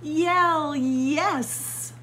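A high, sharp-toned voice belongs to a middle-aged woman librarian reading a picture book aloud to children word by word, drawing out words with teacherly emphasis. The close webcam or phone recording, made at arm's length in a small library room, has a little hiss or hum.

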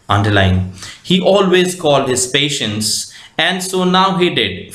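Male teacher, Indian English accent, reads and explains a text slowly, fairly high voice, echoey room. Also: fairly bright tone. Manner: slow, deliberate lecturing with frequent fillers and rephrasing. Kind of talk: reading a story aloud and explaining it.

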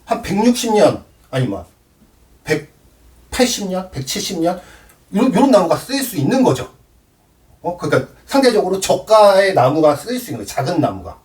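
A man's voice: high-pitched, very animated, moderate pace, darkish tone, recorded from a distance. A man giving a cello lesson, explaining with props and counting aloud. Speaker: cello teacher. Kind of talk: demonstration lesson.

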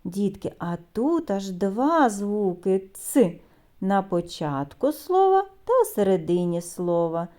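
A woman teaching small children a recorded kindergarten lesson, drawing words out slowly and clearly. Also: mid-range voice, sing-song, dark tone. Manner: slow, drawn-out pronunciation of words for children.

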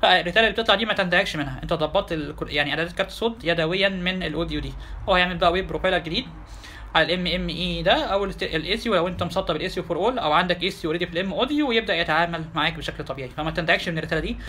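A man with an Egyptian Arabic accent giving a casual software tutorial, talking fast and asking his listeners rhetorical questions. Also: high-pitched, slight background noise. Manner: quick, chatty, addresses listeners directly with rhetorical questions. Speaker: software instructor. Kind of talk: tutorial lecture.

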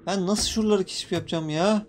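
A man's voice: high-pitched, quick pace, slight background noise. A young man giving casual, jumpy gaming commentary, nervously reacting to creatures and talking to viewers. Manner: jumpy, excitable, swearing playfully at in-game creatures. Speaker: gaming YouTuber. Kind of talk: casual Let's Play commentary.

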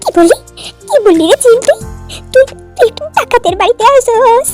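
A woman doing a loud, crude middle-aged mother in a storybook tale who scolds and insults at the top of her voice. Her voice sits extremely high and piercing. Faint music plays underneath. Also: sing-song, brisk. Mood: yelling.

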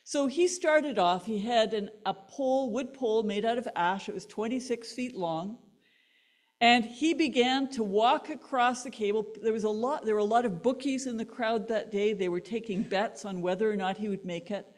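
A woman pastor, delivering a sermon as an animated story and laughing between lines. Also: fairly high pitch, moderate pace.

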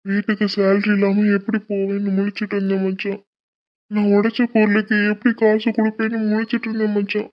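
A woman voicing an earnest young man who thanks his friend in an animated cartoon. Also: medium pitch, brisk, lightly acted. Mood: grateful. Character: grateful young man, brother's close friend. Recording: dull lo-fi recording.

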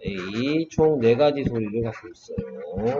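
A man gives a one-on-one online phonics lesson in English, patiently modeling each sound and encouraging his student. His voice sits at medium pitch with a dark tone, and he speaks slowly but with great animation. The lo-fi recording is dull, with faint background noise.

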